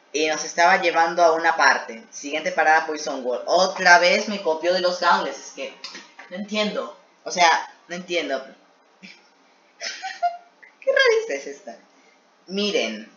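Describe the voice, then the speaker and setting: Bright-voiced man, mocking his old story. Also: fairly high pitch, a little slow, a little hiss or hum. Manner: self-mocking, joking asides between read passages. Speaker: video creator reacting to his own old series. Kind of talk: reading aloud and commenting on an old story. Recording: echoey room, dull lo-fi sound.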